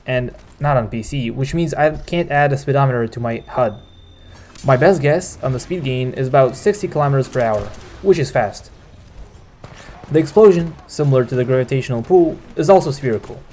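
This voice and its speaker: A man's voice: mid-range voice, a little mellow. A man hosting a gaming video, narrating a scripted guide with informal asides.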